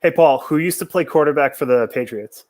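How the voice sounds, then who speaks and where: A man's voice: fairly high pitch, brisk, a little mellow. A young man with a Boston accent, hosting a casual video-call chat with joking, friendly banter. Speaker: host.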